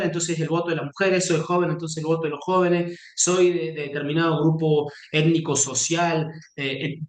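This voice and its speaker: Male panelist, slightly higher voice, roomy echo on a video call, analytical, with filler pauses. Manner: fluent, analytical, many hesitations "eh". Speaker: political consultant panelist.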